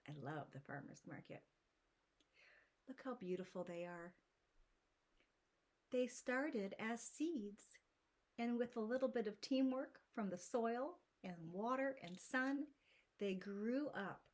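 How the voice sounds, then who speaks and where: A woman leads a gentle art lesson at a very unhurried pace. Her pitch is ordinary for a woman, and she often slips into soft, breathy whispers. She keeps the talk calm and soothing. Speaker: art teacher.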